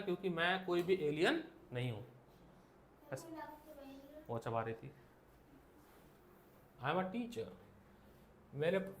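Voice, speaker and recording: A young man with an Indian accent teaching a school science class. He switches between Hindi and English, reads textbook lines slowly, explains with everyday stories, calls on students by name and asks many questions. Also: sits high, fairly bright tone.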